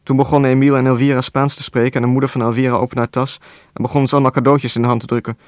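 A man reading a novel aloud as narrator, in a calm, even storytelling voice with a dry wit. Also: mid-range voice, racing, no echo. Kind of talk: scripted audiobook narration.

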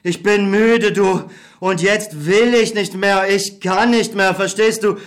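A man's voice: high voice, steady tone, takes it slowly. A man playing a weary, bitter young war returnee, tired and hungry, in a radio play. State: exhausted and hungry.

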